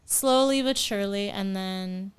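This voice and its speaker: A woman's voice: mid-range voice, unhurried, crowd noise. A woman talking as a podcast guest in casual chat, rambling with lots of fillers. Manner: chatty, many fillers like "like".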